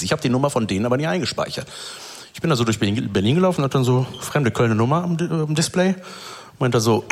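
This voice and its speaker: A man hosting a comedy show on stage, telling stories and acting out the people in them. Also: mid-range voice. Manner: animated storyteller, acts out quotes. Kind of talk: stand-up storytelling and hosting. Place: stage before a live audience.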